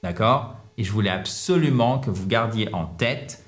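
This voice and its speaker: Lively male English teacher. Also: fairly low pitch, normal speed. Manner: lively, teasing, switches into English to prompt. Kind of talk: explaining pronunciation in French.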